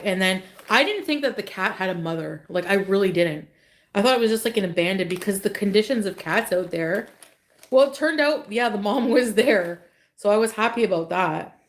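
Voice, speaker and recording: A woman tells a story straight to her camera in a loose, rambling way. She swears freely and fills every gap with filler words. Her pitch sits in the middle of the usual range. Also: normal speed. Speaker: vlogger. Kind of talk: casual storytelling. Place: clip from her own video.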